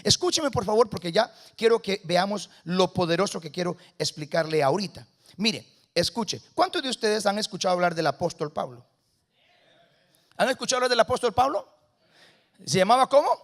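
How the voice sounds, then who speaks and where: Costa Rican male guest preacher, high pitch, call-and-response sermon in a church. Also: lively intonation, fairly quick. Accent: Costa Rican Spanish. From Costa Rica. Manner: calls for congregation responses, shifts between loud and hushed. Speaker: guest pastor. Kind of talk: lively Spanish sermon. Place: church sanctuary.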